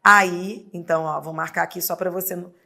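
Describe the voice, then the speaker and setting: A woman's voice: fairly low pitch, steady tone, a little fast, creaky, pushed and bright. A woman teacher with a Brazilian accent giving an exam prep lesson, sounding out words syllable by syllable. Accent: Brazilian Portuguese.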